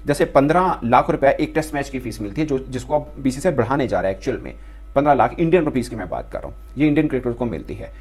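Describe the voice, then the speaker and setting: A man explaining cricket contracts point by point. He talks fast at a mid pitch. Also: lively intonation. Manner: explaining step by step. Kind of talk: explanatory commentary.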